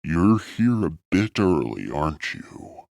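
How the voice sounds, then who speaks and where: A man voicing a tall, bat-like demon with a deep, distorted alien voice, calm and sinister. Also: creaky, no echo, clean studio sound, exaggerated voice. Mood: amused menace. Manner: slow, amused, menacing.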